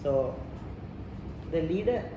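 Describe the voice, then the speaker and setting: Explaining leadership and culture in simple non-native English, a man with a Sri Lankan accent proceeds step by step and keeps repeating himself, teaching informally. His slightly high voice is expressive and his pace is slow. The muffled recording was made at a distance in a roomy room with clear background noise.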